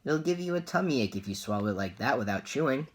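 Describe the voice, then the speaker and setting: A man reading aloud, voicing a fat, kindly male shopkeeper who shouts high and excitedly. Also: fast, natural voice. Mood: pleasant.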